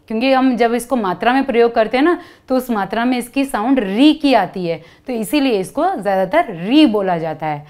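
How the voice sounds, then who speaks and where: A woman teaching young children, patiently explaining each step and asking them to repeat sounds after her. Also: on the high side. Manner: call-and-response, asks kids to repeat. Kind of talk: children's lesson.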